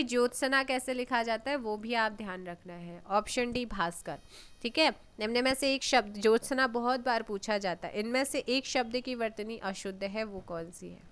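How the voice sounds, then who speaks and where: A woman teaching an exam-prep lesson, reading out questions and giving answers, often clearing her throat. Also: mid-range voice, a bit bright. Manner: unhurried, reads questions then gives answers, frequent throat clearing.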